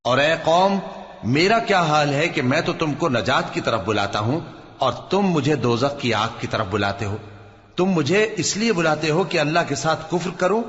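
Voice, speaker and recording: A man reading a scripture translation aloud in a solemn, measured recitation. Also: medium pitch, a bit bright. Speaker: scripture reader. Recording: dull audio with long reverb.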